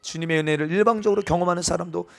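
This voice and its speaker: Male pastor, high-pitched, sermon delivery that swells into emphatic proclamation. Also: very fast, vocal fry. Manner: keeps asking the congregation for responses; builds to loud, emphatic proclamation.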